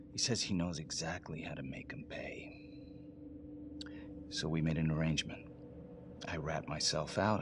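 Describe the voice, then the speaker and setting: An actor playing a desperate male death-row inmate who swings between hushed whispers and sudden shouts, in a video game cutscene. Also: very deep voice, background noise. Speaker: prisoner. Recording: game audio with loud background music.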